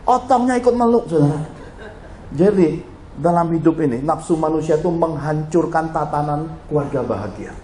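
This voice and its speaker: Here a middle-aged pastor with a fairly high-pitched voice preaches at a normal speed, weaving animated stories and speaking directly to his congregation. His words ring with the roomy echo of the church hall.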